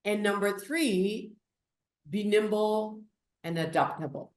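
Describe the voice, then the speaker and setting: Slow-speaking Peruvian-born woman, echoey room. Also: medium pitch, darkish tone. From Peru. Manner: slow, thoughtful, emphatic. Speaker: guest, business executive. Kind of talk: interview.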